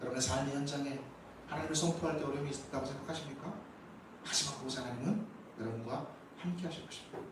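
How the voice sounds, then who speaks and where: A man's voice: medium pitch, fairly even intonation, fast talker. A man preaching a Sunday sermon as pastor, emphatic and full of rhetorical questions, in a church sanctuary. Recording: echoey church hall, from far off, faint noise.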